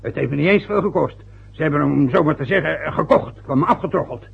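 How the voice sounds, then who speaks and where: A fast-talking man with a higher voice, some vocal fry, and slight background noise plays a wounded, stubborn older father in an old-time radio drama. Aggrieved over his son's new marriage, he lectures and grumbles, rambling and hesitating, and the recording has a dull, lo-fi old radio quality.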